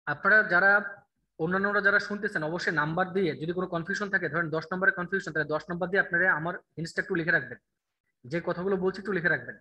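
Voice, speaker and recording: A man teaching an online English grammar class, quizzing a student and reading answer options slowly. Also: high-pitched, bright, forceful tone, low-quality recording. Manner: drills answers with rhetorical questions, reads options slowly.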